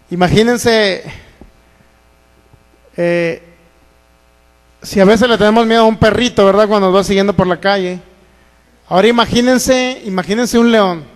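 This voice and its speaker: A man from Mexico preaches a sermon in a high, light voice, often putting questions to his congregation and answering them himself. His voice rings out with the long reverb of a church hall. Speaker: pastor. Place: church sanctuary.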